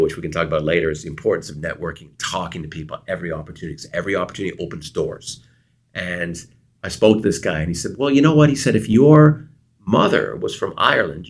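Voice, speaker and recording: Man, middle-aged, very low voice, from Canada, interview guest, animated storyteller. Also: slightly rough. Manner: animated storyteller, acts out quoted dialogue. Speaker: guest consultant.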